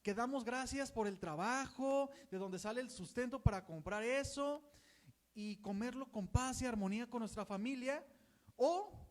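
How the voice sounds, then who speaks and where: A man's voice: very high voice, normal speed. A man with a Mexican Spanish accent preaching a conversational sermon and acting out the voices of gossiping churchgoers.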